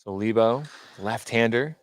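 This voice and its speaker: Live radio play-by-play of a basketball game comes from a man with a mid-range voice who speaks a little slowly. He describes the action in clipped, brief phrases while the noisy gym, full of bouncing balls, is clearly audible.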